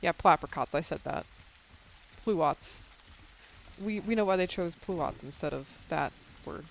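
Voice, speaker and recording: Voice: mid-range voice, unhurried, gravelly, slight background noise, rough recording. A young adult game streamer chatting casually with viewers while playing, rambling and swearing a little, and losing their voice. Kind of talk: casual live-stream chat while gaming.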